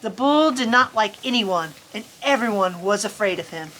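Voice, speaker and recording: On a cold farm, a storyteller host reads a children's book with a mid-range, slightly bright voice, lively intonation and normal speed. Her folksy, playful reading is sprinkled with casual asides, and the poor audio carries faint outdoor background noise.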